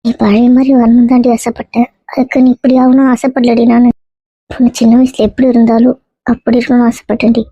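A woman's voice: a little high, flat delivery, fast, mellow, breathy edge, no echo. A woman playing a grieving mother who pleads with her injured daughter in a tearful monologue. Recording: dull dry lo-fi recording.

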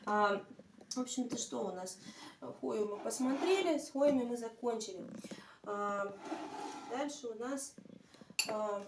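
Woman, casual home chat, chatty with fillers, slightly high pitch, faint background noise. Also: animated, measured pace, long pauses. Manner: chatty, many fillers and restarts. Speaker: plant collector showing her plants. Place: home, indoors among houseplants.

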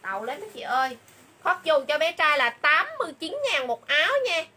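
A woman runs a chatty livestream sales pitch, repeating each item and price to her viewers. Her voice sits high and sounds bright and sharp. A faint hiss of noise runs underneath. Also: lively intonation, a little fast. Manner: chatty, calls viewers "dear sisters". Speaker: livestream clothing seller.

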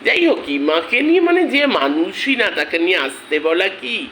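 A man with a headache, talking slowly and quietly in an angry protest vlog on his channel. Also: high voice, very animated, slight background noise, poor audio. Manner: speaks slowly and quietly, rising in anger. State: has a headache. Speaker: vlogger.

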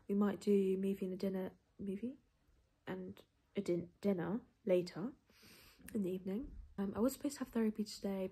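A woman's voice: medium pitch, warm tone, breathy edge. A young woman, chatting casually in a rambling daily vlog. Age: young adult. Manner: chatty and rambling, full of fillers. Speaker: vlogger.

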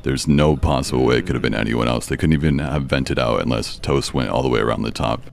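A man with a gravelly voice chatting casually as he plays an online game. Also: rumbling low, fast. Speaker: video game player. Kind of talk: casual gaming chat.

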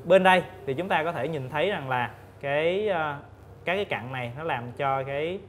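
A man in his thirties, a guest expert on a studio panel, explaining methodically with frequent pauses and fillers, on a lapel mic. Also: a little high, a little hiss or hum. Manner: measured, explains step by step with many fillers. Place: indoor TV studio set.

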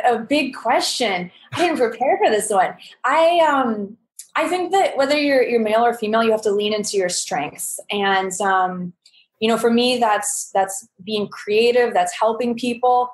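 A woman's voice: a little high, unhurried. A woman guest in a conversational interview, explaining things like a patient English teacher, in a roomy recording.

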